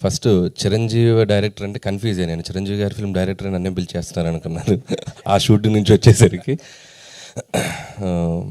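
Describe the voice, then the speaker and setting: A middle-aged man, a film director, giving a relaxed, friendly speech at a press event, mixing in English phrases. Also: low-pitched. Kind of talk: informal press meet speech.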